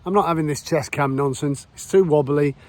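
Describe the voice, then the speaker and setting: A man chatting casually to camera as he metal detects in a pasture field, self-deprecating and quick to exclaim. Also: on the high side. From United Kingdom. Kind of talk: casual self-filmed commentary. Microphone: chest cam or handheld camera.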